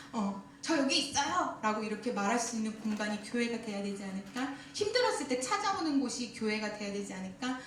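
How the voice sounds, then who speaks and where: A woman giving a talk at a church teachers' seminar, often questioning her audience and laughing as she speaks. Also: a little high. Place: church hall. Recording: echoey hall, voice from far off.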